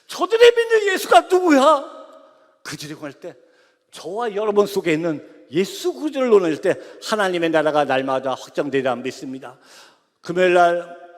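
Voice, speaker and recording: A missionary man preaching a sermon in a church, telling a story with passion and rising to shouts. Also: a little high, animated, brisk, long reverb tail. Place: church sanctuary.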